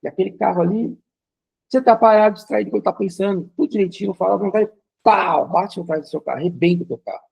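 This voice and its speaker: Gravelly-voiced man teaching a class. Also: sits high, fast, darkish tone, poor audio. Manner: conversational, uses vivid hypothetical examples; frequent checking fillers. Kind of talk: recorded lecture.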